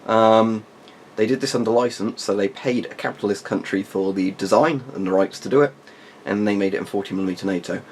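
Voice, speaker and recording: A man's voice: on the low side, brisk. A man reviewing military surplus gear in a casual, unscripted way, explaining informally with rambling asides. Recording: faint background noise.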